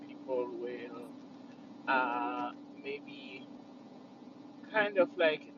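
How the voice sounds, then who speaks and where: Man, car speakerphone, distant and muffled, road noise behind, hesitant, slow. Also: medium pitch. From South Africa. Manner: hesitant, many pauses and fillers. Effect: calling in on a car speakerphone while driving. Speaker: caller. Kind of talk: casual group audio chat. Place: moving car. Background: engine and road noise.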